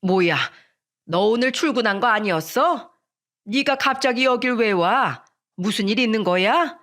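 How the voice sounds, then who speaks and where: A woman voicing a stubborn, dramatic middle-aged mother in a radio story, scolding and wailing in a drawn-out way. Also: a little high, expressive, fairly bright tone. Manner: exasperated wailing, drawn-out complaints.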